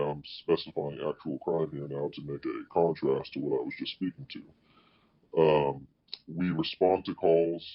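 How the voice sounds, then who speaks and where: A man speaking through a voice disguise that drags his pitch down to an extremely deep, unnatural rumble. The sound is muffled and lo-fi. He is an officer talking anonymously, measured and deliberate, stacking qualifying words. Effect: voice electronically distorted to sound very deep. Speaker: police officer. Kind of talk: anonymous interview answers.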